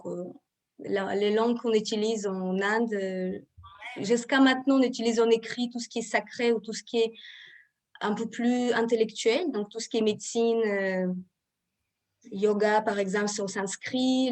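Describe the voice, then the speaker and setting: Woman, Russian accent, fairly high voice, calm soft-spoken explanations, interview guest. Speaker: guest, Ayurveda therapist. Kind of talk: online interview.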